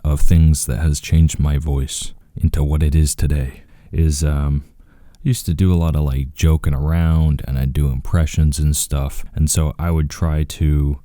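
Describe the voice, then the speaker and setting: A man with an extremely low, dark voice chats casually for his vlog. He talks quietly and in a laid-back, rambling way, close to the mic. The sound is dry and dead, with no room in it. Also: flat delivery, a little slow, dry recording. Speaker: video creator. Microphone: close microphone.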